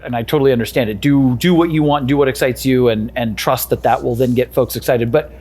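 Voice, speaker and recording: A man hosting a podcast interview, quick to chime in with agreement. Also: mid-range voice, fairly even intonation, darkish tone. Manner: quick, frequent affirmations. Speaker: podcast host. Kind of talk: casual interview.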